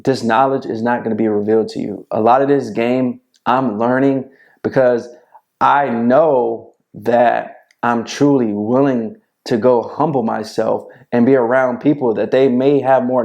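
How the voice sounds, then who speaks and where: A man's voice: mid-range voice, gravelly, darkish tone, dull audio. A man in his thirties giving a preachy, repetitive motivational talk straight to camera, calling the viewer "bro", recorded on a lapel mic in a small indoor room. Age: 30s. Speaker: men's self-help video host. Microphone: lapel mic clipped to shirt.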